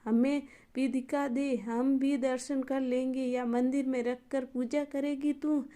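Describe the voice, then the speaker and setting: A woman voicing a stern, sharp-tongued older mother-in-law in a storybook tale, speaking in a scolding, sarcastic manner. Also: high voice, flat delivery, unhurried.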